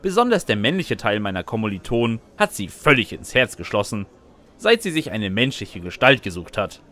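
Sing-song and a bit bright, a man's fairly low voice moves at normal speed as he plays a student, the narrator and lead character of a scripted comic piece. Wry and sarcastic, he narrates his own chaotic life in first person.

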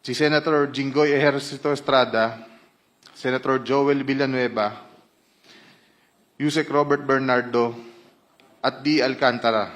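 A man's voice: mid-range voice, fairly even intonation, moderate pace, pauses often, fairly bright tone. A man with a Filipino accent giving formal testimony as a witness, reading out a statement that mixes Tagalog and English.

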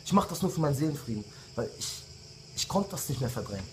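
In a heated diss video aimed directly at his rivals, a late-twenties rapper hurls insults and keeps jabbing repeatedly. He speaks quickly in a medium-pitched voice with big pitch swings, over background noise.

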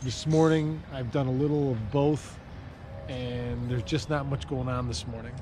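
A man's voice: medium pitch, measured pace. A man in his thirties talking casually about fishing as he casts from a lake dock, recorded on an action camera. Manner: chatty, excited when fish strike. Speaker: fishing channel host. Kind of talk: casual fishing vlog narration. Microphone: action camera, chest-mounted then on a stand. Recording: outdoor camera mic with noticeable background noise.

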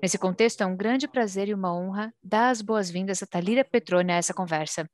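Female live interpreter, Brazilian accent, mid-range voice, delivering formal remarks in measured phrases. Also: mid-range voice. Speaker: simultaneous interpreter.

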